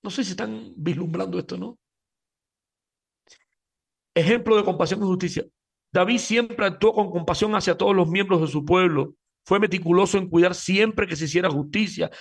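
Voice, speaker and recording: A man's voice: high voice, normal speed, vocal fry, slightly rough. A man giving a Talmud class lecture as a religious teacher, emphatic, speaking straight to his listeners and often stumbling over repeated words.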